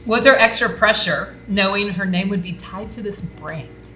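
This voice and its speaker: Upbeat woman host, bright voice, playful, echoey room with soft music. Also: mid-range voice, normal speed. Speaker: show host. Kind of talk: casual hosted interview.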